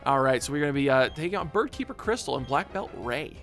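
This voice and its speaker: Animated man rambling through gameplay commentary. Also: mid-range voice, fast, faint music behind. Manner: rambling, filler-heavy and joking. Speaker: video game let's player.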